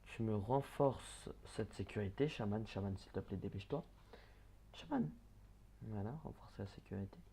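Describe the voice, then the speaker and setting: A man giving casual gameplay commentary, chatting, swearing and muttering quick orders at the characters on screen. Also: fairly low pitch, very noisy. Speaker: let's play gamer.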